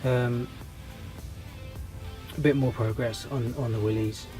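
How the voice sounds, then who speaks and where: Over background music on a rough recording, a man hosting a scale model channel speaks slowly in a mid-range, fairly even voice. He has a cold, his voice is fading, and his casual update is full of ums and restarts.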